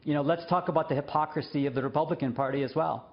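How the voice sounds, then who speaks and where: Racing through his words in a fairly high voice, a man appears remotely on a news show as a guest; he's a journalist and former diplomat. The audio is muffled, and his earnest answers are sprinkled with fillers and quick laughs.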